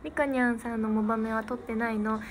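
Young idol livestreamer, woman, Niigata accent, bright higher voice, giggly chat over a noisy background. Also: fairly even intonation, fast talker. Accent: Niigata Japanese. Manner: chatty, giggly, thanks viewers by name. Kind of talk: casual livestream chat with fans.

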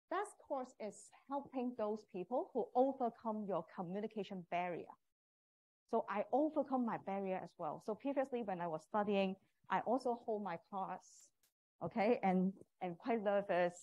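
A muffled recording captures a woman's warm, mid-range voice as she speaks unhurriedly. She is a professor of a communication course with a Cantonese accent, presenting live to prospective students in non-native English with small grammar slips.

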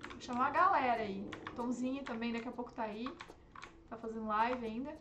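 A young woman, streaming herself playing a game and reacting with excitable, panicky outbursts. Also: fairly high pitch, fairly quick, noisy background. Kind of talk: live gameplay commentary.

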